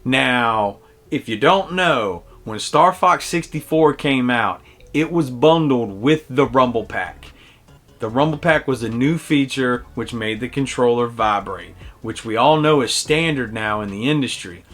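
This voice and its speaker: Speaking a little slowly, this middle-aged host has an expressive, medium-pitched voice with a slightly bright quality. He reviews a game casually and personally, reminiscing with enthusiasm while music plays underneath.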